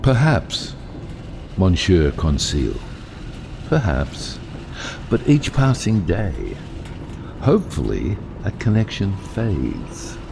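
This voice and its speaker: A world-weary, defiant submarine captain in a radio drama. His voice is very low and gravelly, swinging widely in pitch as he speaks slowly and grandly. A heavy rumble runs behind him. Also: very animated, full character voice. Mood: wistful. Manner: grandiose, deliberate, theatrical delivery. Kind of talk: dramatic audio drama acting.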